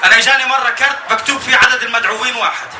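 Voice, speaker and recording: High-pitched Jordanian man, escalating comedy rant. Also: fairly even intonation, very fast. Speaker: stand-up comedian. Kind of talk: stand-up comedy about weddings. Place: live comedy show before an audience. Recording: echoey live venue, distant, noisy laughing crowd.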